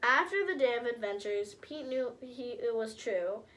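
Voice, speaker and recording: A woman's voice: a little high, expressive, unhurried, fairly bright tone. A woman reading a rhyming picture book aloud in a sing-song way, breaking off to chat with viewers. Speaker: storybook reader.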